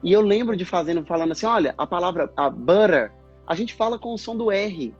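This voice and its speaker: A man, a speech therapist, explaining pronunciation in a casual live chat, in halting bursts. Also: high-pitched, husky. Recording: dull lo-fi stream audio, faint music.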